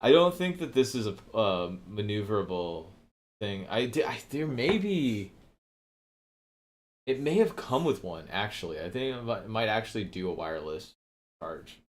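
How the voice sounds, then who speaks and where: A man with a somewhat low voice talks loosely on his own livestream from home, drifting from one thought to the next. He swears freely and laughs often as he goes. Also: very animated, moderate pace. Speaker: livestream host. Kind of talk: rambling casual livestream chat.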